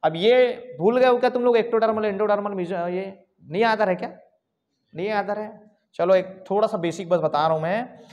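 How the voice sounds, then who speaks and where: High-pitched guy teaching online class, keeps asking then answering himself. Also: moderate pace, darkish tone, lo-fi sound. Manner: repetitive call-and-response questioning; informal, calls students bhaiya and bhai. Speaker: coaching teacher. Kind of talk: live online class lecture. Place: coaching class, recorded over slides.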